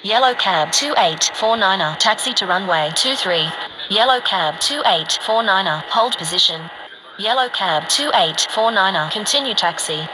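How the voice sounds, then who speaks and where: A woman's voice: mid-range voice, animated, moderate pace. A woman voicing a businesslike pilot and controller in an air traffic game, with clipped procedural calls over a crackly aviation radio. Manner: procedural, clipped call-outs. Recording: noisy game audio, aircraft ambience.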